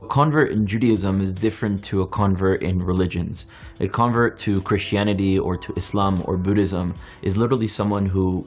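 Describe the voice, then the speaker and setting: A young man born in France, giving an earnest monologue that builds rhetorical questions and long steady lists. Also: deep voice. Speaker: speaker. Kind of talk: reflective monologue.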